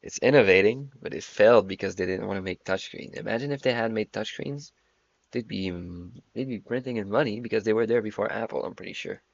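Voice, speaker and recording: Young male streamer, 20s, low gravelly voice, profane joker, dull lo-fi mic. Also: brisk, dry recording. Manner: profane, joking banter. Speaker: trading livestream host. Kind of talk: casual stream chat.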